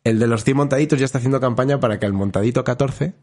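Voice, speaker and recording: Racing along in a medium-pitched, slightly mellow voice, this podcast co-host speaks with an accent from Spain. His casual chat turns into a jokey, meandering story punctuated by frequent laughter.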